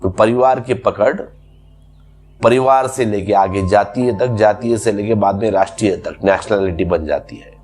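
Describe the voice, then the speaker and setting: A man's voice: on the low side, normal speed, a little mellow. A man giving a spiritual discourse as a teacher, explaining patiently through repeated everyday examples.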